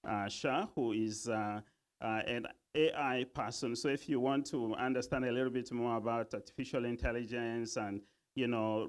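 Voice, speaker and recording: A man from Uganda giving a formal speech at a business convention, pausing often with many fillers. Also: medium pitch, smooth. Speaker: convention speaker.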